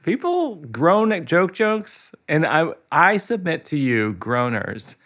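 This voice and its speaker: An American man hosting a podcast in casual chat, expressive and jumping up in pitch when he makes a point. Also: slow. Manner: expressive, swoops up high when making a point. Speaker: podcast host.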